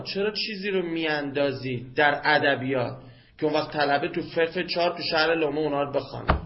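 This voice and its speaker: A man teaching a seminary class on Arabic grammar. He draws quoted Arabic phrases out slowly and chants them, then talks quickly and casually to his students. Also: a little high, gravelly. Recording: dull lo-fi classroom recording with faint noise.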